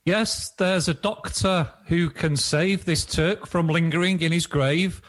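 A man's voice: on the high side, measured pace. A man playing a boastful quack doctor, declaiming showy patter in a comic folk play. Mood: boastful, cheerful.

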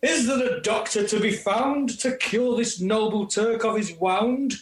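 A man's voice: sits high, a little slow. A man playing the announcing presenter, declaiming rhymes in a comic folk play. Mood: heralding. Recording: echoey room.

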